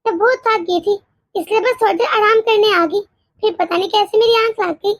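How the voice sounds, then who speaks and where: A woman voicing a timid, exhausted pregnant young daughter-in-law in an animated story, speaking meekly with stammers. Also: very high voice, fairly quick, dry recording. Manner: meek, hesitant, stammering.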